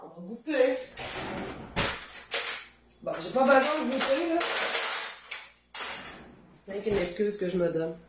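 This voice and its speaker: A woman with a Beauce Quebec French accent hosts a casual cooking show from her home kitchen. She talks to viewers in a chatty, animated way as she tastes her food, with a voice of middling pitch. The kitchen sounds echoey, with dishes and pans clattering behind her. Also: noisy background.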